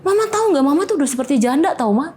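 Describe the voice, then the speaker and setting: A woman's voice: sits high, sing-song, racing, a little mellow, pitched above the performer's own voice. A woman voicing her older child, urgently pleading with the mother to leave.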